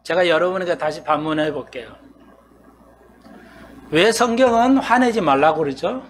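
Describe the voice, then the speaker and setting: A man's voice: fairly high pitch, animated, normal speed. A male pastor preaching an expository sermon in a conversational way, often asking his congregation questions and playing out their replies.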